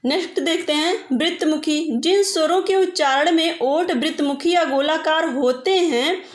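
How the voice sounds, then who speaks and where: A woman's voice: high voice, normal speed, echoey room. A woman teacher giving a patient grammar lesson, stretching out example vowel sounds as she explains.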